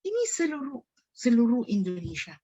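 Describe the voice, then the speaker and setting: A middle-aged woman giving a lively church talk, telling funny stories, acting out the people in them, and slipping English phrases in. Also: on the high side, normal speed, breathy edge, lo-fi sound. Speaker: church speaker.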